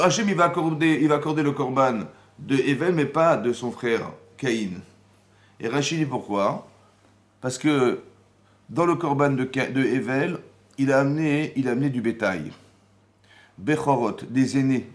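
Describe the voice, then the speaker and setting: A man teaching a Torah class as rabbi, his voice climbing and dropping as he acts out the dialogue he explains. He keeps turning to his listeners with rhetorical questions. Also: mid-range voice. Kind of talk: lively Torah lesson. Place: Paris community hall.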